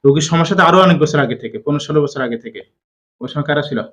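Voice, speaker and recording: A man working as a faith healer, sternly questioning a possessed patient, pressing for quick answers and repeating each reply back. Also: a little high, a bit bright, slight background noise. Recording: dull lo-fi recording.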